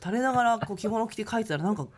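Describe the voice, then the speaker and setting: A woman painter telling stories as a guest in a casual interview, lively and laughing, acting out other people's lines. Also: fairly high pitch, very fast, slight background noise. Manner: lively, acts out quotes in other voices, laughs often.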